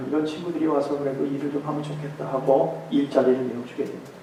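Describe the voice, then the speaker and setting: A male pastor with a fairly high, gravelly voice preaches emphatically in a church sanctuary, weaving in a story and softening his tone for some passages. He's recorded from far away in a very echoey hall, with a bit of hiss or hum.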